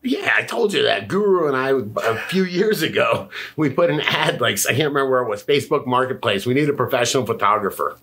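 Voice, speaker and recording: A man co-hosting a podcast in casual chat, a gravelly-voiced, animated storyteller who swears freely and laughs a lot. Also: mid-range voice, quick pace, few pauses. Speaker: podcast co-host.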